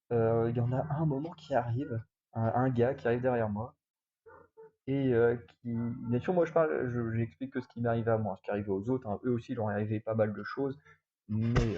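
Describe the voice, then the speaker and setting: A man's voice: medium pitch, mellow, dull audio, slight background noise. A young man from France telling a casual vlog story, rambling with lots of fillers and restarts. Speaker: vlogger.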